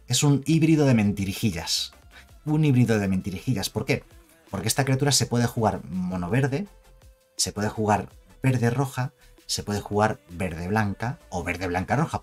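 A man's voice: on the low side, breathy edge. A man with a Spain Spanish accent giving a chatty, emphatic card game review, with jokes and asides. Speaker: card game video creator. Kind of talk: casual card review commentary.

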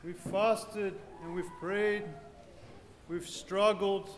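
A man in his thirties, a priest, giving an earnest sermon in a large church, unhurried, building to joyful emphasis. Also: sits high, little pitch movement, slight background noise. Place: large ornate church with congregation. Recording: echoey church hall, reverb, faint ambience.

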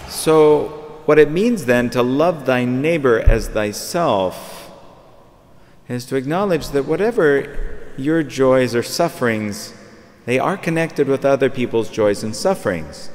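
A man's voice: mid-range voice, animated, takes it slowly, darkish tone. Fifties male priest preaching off the cuff, medium voice, recorded from afar in a reverberant church. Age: 50s. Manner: conversational, repeats phrases while searching for words. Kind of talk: sermon. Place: large church, at a pulpit. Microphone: far camera.

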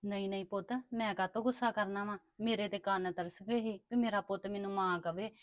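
A woman's voice: sits high, brisk, no room sound, studio quality, close to an everyday voice. A woman playing a stepmother who soothes and pleads affectionately, in an amateur family drama. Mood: tender. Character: doting young stepmother, soft and caring.

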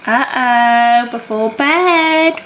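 A woman's voice: a little high, extremely slow, fairly bright tone, slight background noise. A woman putting on a sing-song, cooing baby-talk voice to speak to a pet, stretching her words out.

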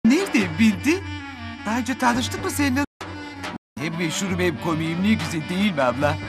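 A loud, cocky neighborhood woman in a TV comedy-drama, her pitch bouncing wildly as she shoots off slangy boasts. Loud music plays under her lines. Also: big pitch swings, brisk. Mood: vain. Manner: rough slangy exclamations, swings between loud bursts and murmurs. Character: brash, vain, comic woman from a working-class neighborhood. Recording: TV series audio with loud music.

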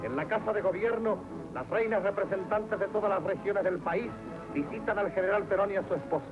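A man's voice: high voice, brisk. A man narrating a 1940s newsreel in a solemn, florid, declamatory style. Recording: tinny band-limited 1940s newsreel soundtrack. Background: orchestral music.

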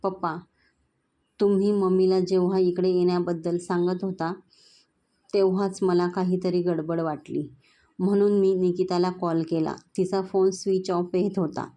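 A woman reading the part of a confident, commanding young man who speaks with calm assurance. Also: lowish voice, moderate pace, close to an everyday voice. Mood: assured.

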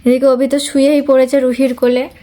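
A woman with a West Bengal accent gently scolds and teases a child in a casual home vlog. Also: high-pitched, little pitch movement, fairly quick, music in the background. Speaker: vlogger, mother.

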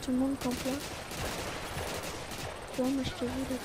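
A woman with a high voice gives casual, playful commentary on a shooter game. She taunts and trash-talks the other players as she goes. Loud gunfire from the game rumbles under her voice. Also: monotone, normal speed, very noisy. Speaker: gamer. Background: game gunfire and ambience.

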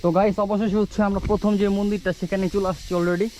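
A man's voice: sits high, flat delivery, fast, mellow. A young man narrating a casual travel vlog outdoors, chatty and addressing viewers as guys, mixing in English words. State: out of breath from climbing. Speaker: travel vlogger. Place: outdoors on a hill trail and beach. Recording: faint outdoor noise.

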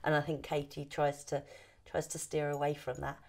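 A woman in her thirties, an actor being interviewed, talking casually with many hesitant pauses. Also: low voice, level tone, creaky, a little mellow.

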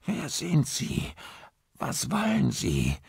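A man's voice: mid-range voice, huge pitch swings, slow, creaky, husky, no echo, clean studio sound, pitched above the performer's own voice, exaggerated voice. A man voicing a terrified man who is shaken and breathless after a nightmare, in an audiobook thriller. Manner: panicked, breathless.

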